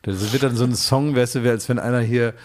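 A man's voice: medium pitch, steady tone, brisk. A man co-hosting a casual German chat, joking and teasing, often laughing. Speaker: podcast co-host.

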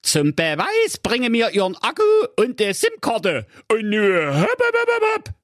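Male narrator as a vain, commanding stepmother; shrill high falsetto, dry close sound. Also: huge pitch swings, unhurried, a bit bright, no room sound, exaggerated voice. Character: vain scheming stepmother school principal, woman.

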